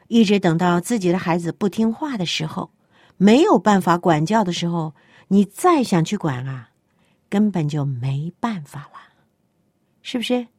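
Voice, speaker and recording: A woman's voice: lowish voice, dry recording. Dry-voiced woman preaching in a sermon. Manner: lively storytelling that acts out dialogue; asks the listeners questions often. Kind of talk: sermon on parenting.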